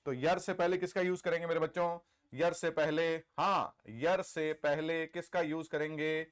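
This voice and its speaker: An Indian man teaches English grammar to a live online class. He keeps asking students for answers and praises them as they reply. His voice is smooth and resonant and sits fairly high. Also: fairly even intonation, normal speed.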